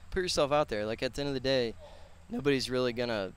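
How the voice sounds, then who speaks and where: Sitting outdoors on a concrete patio with a headset mic, a twenty-something gym owner and personal trainer answers interview questions in an earnest, slangy, rambling way. He speaks quickly at a medium pitch, and his tone is clear and resonant.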